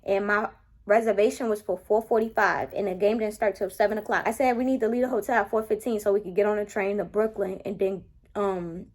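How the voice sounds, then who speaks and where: A woman in her twenties telling a date story in a casual vlog, animated and exasperated, full of profanity and acted-out dialogue. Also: medium pitch, a little fast. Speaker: vlogger.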